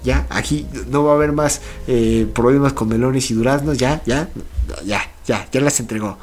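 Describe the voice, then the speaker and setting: A man's voice: mid-range voice, moderate pace, faint music behind. A man casually retelling a film, chatty and full of fillers and repeats. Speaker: film recap narrator.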